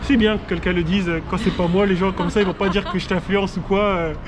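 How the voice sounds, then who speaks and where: A male host talks quickly in a high voice, full of excited slang and asides to the audience. Street traffic noise is clearly audible behind him outdoors. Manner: fast, excitable, slangy, talks straight to viewers. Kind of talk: casual interview chat. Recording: noisy outdoor street recording.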